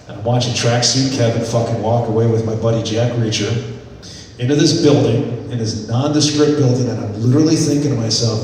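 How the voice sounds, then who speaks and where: A man's voice: medium pitch, distant mic, a little hiss or hum. Profane stand-up man, echoey hall. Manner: profane, animated storyteller. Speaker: stand-up comedian. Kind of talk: stand-up storytelling. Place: bar or small comedy venue, indoors.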